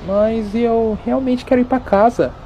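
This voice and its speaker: A woman voicing an eerie child outside the door in a horror story. The voice is soft and plaintive, pleading gently, with faint noise in the background. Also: a little high, steady tone, unhurried.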